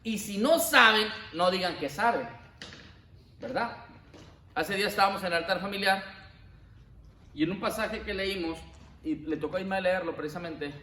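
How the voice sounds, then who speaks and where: A man teaching a Bible class, lively and joking, often asking the class questions. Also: sits high. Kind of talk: classroom lecture. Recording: echoey classroom, faint room noise.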